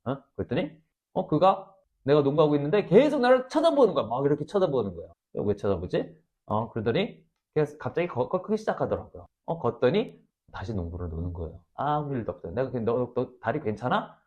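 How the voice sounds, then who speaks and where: A man preaching a revival sermon, telling stories in an animated way that swings between loud exclamations and low asides. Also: fast, dull audio.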